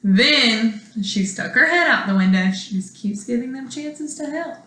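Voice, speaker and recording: In an echoey room, a woman schoolteacher with a slightly high voice reads a children's storybook aloud at a measured pace. She reads expressively, as if to her young students, and asks them questions.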